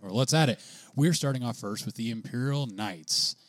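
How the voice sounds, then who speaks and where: A man's voice: medium pitch, normal speed, no echo. A man co-hosting a casual gaming podcast, chatty and laughing often as he reads rules aloud. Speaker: podcast co-host.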